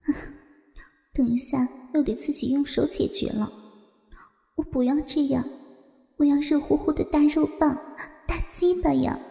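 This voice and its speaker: A woman voicing a gentle, yearning young wife in a soft, breathy voice for a spoken story. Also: sits high, unhurried, pauses often, no room sound, clean studio sound. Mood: yearning, hushed.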